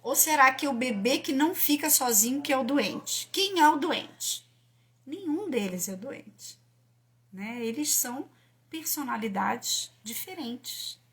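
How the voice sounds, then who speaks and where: A woman with a Brazilian Portuguese accent explaining child-rearing to parents, animated and emphatic, asking rhetorical questions. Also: high voice, measured pace. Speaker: parenting educator and author.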